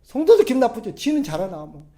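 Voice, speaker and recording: Male pastor, high voice, conversational sermon full of questions to the congregation. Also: big pitch swings, fast, dark tone. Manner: acts out quoted voices in a gruff tone.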